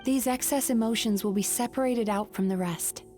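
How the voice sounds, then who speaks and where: A woman playing a composed, resolute dream-hunter guide in a video game, explaining things in a measured, serious manner. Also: fairly high pitch, a little mellow, soft background music, lightly acted. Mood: calm, serious.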